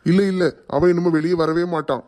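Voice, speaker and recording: Quick, monotone man reassuring. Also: on the high side. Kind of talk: family skit acting.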